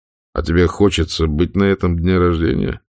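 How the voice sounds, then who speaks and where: A man voicing a wry grown man in an audiobook, drawling and gently mocking. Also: low-pitched, little pitch movement, normal speed, no echo, clean studio sound. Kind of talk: audiobook character voice.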